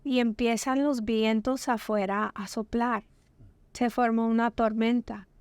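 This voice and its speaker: A woman's voice: on the high side, fairly even intonation, a little slow, a little mellow, clear, resonant tone, no echo. A woman sharing a personal testimony as a podcast guest, telling the story vividly and acting out the dialogue. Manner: vivid, acts out quoted dialogue. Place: podcast studio.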